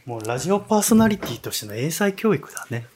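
A man hosting a casual radio chat from a small bar studio, talking in a playful, teasing way and keeping his voice soft. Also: fairly high pitch, big pitch swings, quick pace, crowd noise. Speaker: radio show host.

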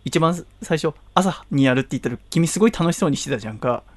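A man's voice: on the high side, expressive, fast. Chatty teasing male radio host. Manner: chatty, teasing, laughs often. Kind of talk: casual radio chat.

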